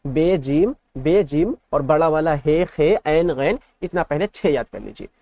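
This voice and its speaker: A man's voice: a little high, animated, measured pace, mellow, no echo. A male teacher giving an exam-prep lesson, patiently drilling letters in repeated lists and asking the class check questions.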